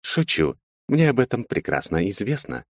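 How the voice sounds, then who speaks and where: A man voicing a tall insect-helmed alien man who is calm and polite, with a pleasant, slightly mechanical voice. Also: fairly low pitch, normal speed, dry recording, clean studio sound, pitched above the performer's own voice. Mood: amused. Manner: calm, polite, quietly threatening.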